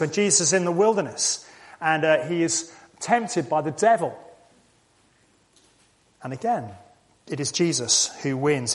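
Conversational preacher man, slightly high voice. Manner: conversational, rhetorical questions, repeats key lines. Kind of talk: sermon.

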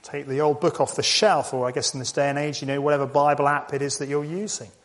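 A man's voice: a little high, steady tone, fast talker. A man preaching a sermon in a conversational way, asking rhetorical questions and repeating key lines.

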